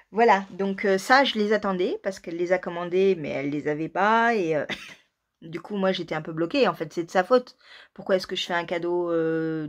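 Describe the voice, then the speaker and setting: Woman host, lowish voice, casual self-mocking chat about knitting, frequent half-whispered asides. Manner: chatty, self-mocking, murmurs asides under her breath.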